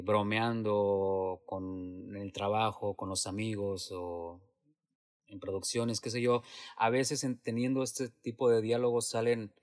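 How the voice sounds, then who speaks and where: A man who works in theater answers interview questions in a reflective, hesitant way, with many restarts and fillers. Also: on the low side. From Latin America. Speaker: theater actor and producer.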